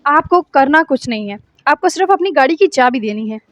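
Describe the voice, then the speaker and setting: A jittery young man hesitantly coaxes a favour out of someone, as a woman reads him aloud. The voice stays high. The sound is dry and close. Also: animated, dry recording. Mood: nervous. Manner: hesitant, coaxing. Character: young man, nervous, wheedling brother. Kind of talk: audiobook novel reading.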